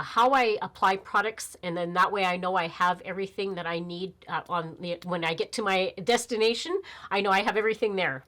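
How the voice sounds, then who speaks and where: A woman in her fifties, a beauty YouTuber, chats casually on camera in a small indoor room with a plain backdrop, rambling with fillers and restarts. Her mid-range, fairly bright voice is slightly nasal from a cold.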